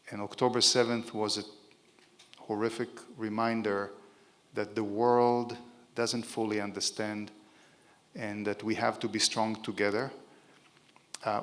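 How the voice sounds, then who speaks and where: A middle-aged man with an Israeli accent gives a loose, joking keynote at a conference, filling his talk with fillers for a large audience. His voice sits fairly low and a bit bright, carried by an echoing event hall.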